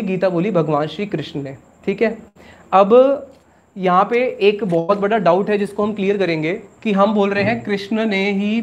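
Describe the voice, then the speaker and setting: Teaching a religious class in a high-pitched voice, this man works through the material step by step. He puts questions to his listeners, answers them himself, and sprinkles English words into his casual Hindi.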